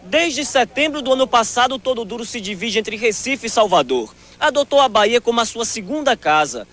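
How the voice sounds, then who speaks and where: Animated man narrating a sports report. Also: very high voice, a little fast. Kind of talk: scripted news narration.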